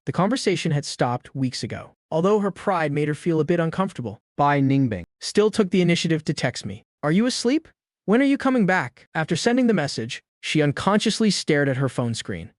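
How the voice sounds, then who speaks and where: A man narrating a comic story recap in a steady, even storytelling manner. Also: a little high, no echo, studio quality.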